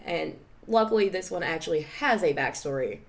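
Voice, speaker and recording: A young woman guesting on a podcast, telling stories in an animated way. Her voice is slightly strained from screaming. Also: on the low side, moderate pace. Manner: animated storyteller, acts out quoted lines. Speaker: podcast guest, haunt actor. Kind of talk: casual podcast chat.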